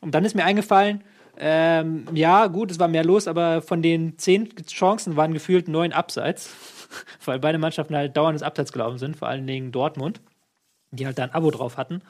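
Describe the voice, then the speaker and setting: High-voiced man arguing about football. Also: fairly even intonation, normal speed. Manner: argumentative, rambling with lots of fillers. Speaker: football pundit. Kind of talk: casual football chat.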